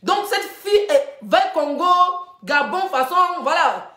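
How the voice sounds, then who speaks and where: A woman hosting a ranting gossip live stream, animated, laughing often and addressing her viewers directly. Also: sits high, measured pace. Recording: roomy echoey room.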